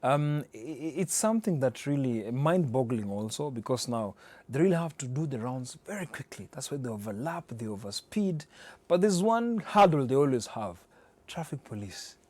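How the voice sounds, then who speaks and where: A man's voice: medium pitch, animated, moderate pace, darkish tone, no room sound. Kenyan man hosting a conversational interview. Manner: chatty, interjects often with affirmations.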